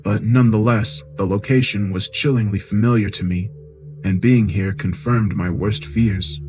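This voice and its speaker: A man narrating a science fiction horror story in a measured, grave tone, with music behind. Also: fairly low pitch, fairly even intonation.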